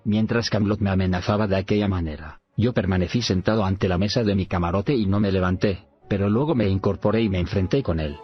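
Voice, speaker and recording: A man narrates an audiobook in a very low, steady voice, even reading out punctuation marks. The recording sounds slightly muffled. Faint music plays underneath his narration. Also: fast talker, husky.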